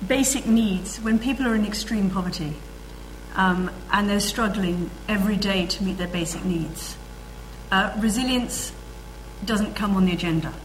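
A woman speaker answering audience questions at a lecture, measured and thoughtful, with frequent pauses. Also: mid-range voice, fairly bright tone, slight background noise, poor audio. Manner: measured, with frequent ums and restarts. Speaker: guest speaker.

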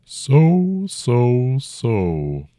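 A man voicing a huge, very old and noble dragon who speaks slowly and formally with a rumbling tone. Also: huge pitch swings, mellow, no room sound, studio quality, exaggerated voice. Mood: stately, probing. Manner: slow, stately and formal, old-fashioned speech. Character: ancient noble dragon, huge, calm and probing.

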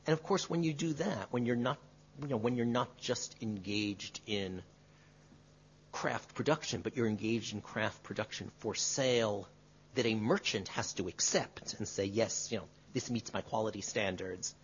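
A male history professor answering an audience question in a measured, qualifying way, often adding tag questions. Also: mid-range voice, slight background noise. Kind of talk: academic lecture Q&A. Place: lecture room. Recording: dull lo-fi lecture recording.

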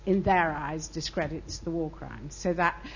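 A woman's voice: deep voice, measured pace, a bit bright, highs cut off, a little hiss or hum. A woman from the audience explaining a view before asking her question at a public debate.

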